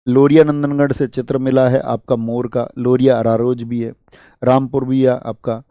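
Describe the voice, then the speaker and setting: A male teacher from India giving a fast exam-prep history lecture, firing questions at students and answering them himself. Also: medium pitch, flat delivery, mellow, clean tone, dry recording, clean studio sound.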